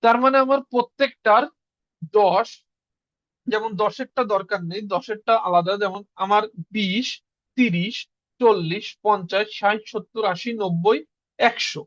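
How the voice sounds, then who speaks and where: Over a video call, a patient language teacher runs an online class, repeating each word slowly and prompting the students to echo it. The voice is mid-range with a fairly bright tone, but the sound comes through muffled and dull, close and dry with no room echo.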